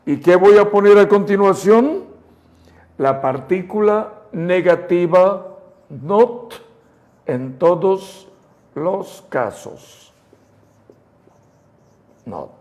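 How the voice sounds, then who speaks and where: A man from Mexico teaching an English grammar lesson in Spanish, laying out each step and repeating example sentences slowly for his students. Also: high-pitched, animated, darkish tone, highs cut off. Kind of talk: slow, deliberate grammar lesson.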